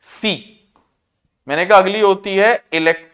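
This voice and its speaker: A man teaching a class, repeating key terms, slowing down to dictate definitions and quizzing students on what was just said. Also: high voice, fairly even intonation, a bit bright, clean tone. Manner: slows to a dictation pace for English definitions; addresses students as children. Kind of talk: classroom lecture.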